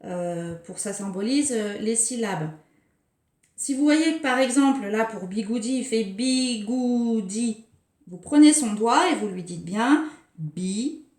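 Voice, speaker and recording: Slow, carefully articulating woman teacher. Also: mid-range voice, expressive, a little mellow. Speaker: preschool teacher. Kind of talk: recorded home-learning lesson for young children. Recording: roomy echo.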